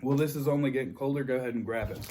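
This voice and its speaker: A man's voice: mid-range voice, racing, background noise. A man hosting a mukbang, chatting casually with a friend. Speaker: host of a mukbang food vlog.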